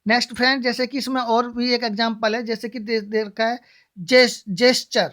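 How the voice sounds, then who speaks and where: A woman's voice: fairly high pitch, fairly even intonation, normal speed, fairly bright tone. A woman teaching English pronunciation in a classroom style. She asks questions and answers them herself, and spells words out letter by letter.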